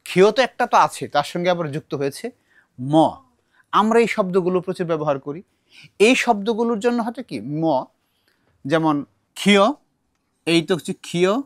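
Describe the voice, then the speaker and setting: In this classroom lesson, a man from Bangladesh with a high-pitched voice and a Bangladeshi Bengali accent teaches recitation. He models pronunciation by patiently explaining and saying words again and again. The recording is dry and of studio quality.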